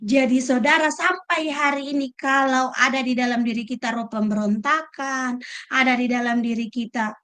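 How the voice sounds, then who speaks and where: High-voiced, animated woman preacher. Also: moderate pace. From Indonesia. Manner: emphatic, lively preaching with acted-out quotes. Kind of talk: sermon.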